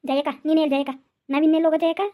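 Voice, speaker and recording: A woman's voice: high-pitched, level tone, racing, dull audio, natural voice. A woman voicing an indignant village woman in a cartoon, arguing and name-calling. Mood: complaining. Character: scolding village woman defending her road use. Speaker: cartoon character. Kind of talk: cartoon voice acting.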